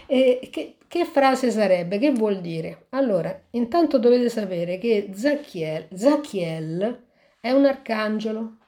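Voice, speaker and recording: A woman reading a fairy tale aloud and pausing to reflect on it, talking in a halting way with frequent restarts. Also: a little high, expressive, mellow. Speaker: storyteller.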